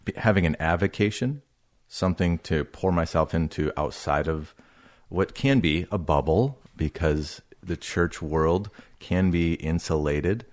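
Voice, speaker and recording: A man's voice: low voice, measured pace, few pauses. A man hosting a casual ministry podcast discussion, easygoing and asking his co-hosts questions.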